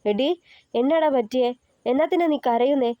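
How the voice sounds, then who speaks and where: Brief: anxious but commanding elder brother, read by a woman, fairly high voice, dry lo-fi audio story. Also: moderate pace, no room sound, natural voice. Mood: alarmed. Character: protective older brother, anxious yet firm.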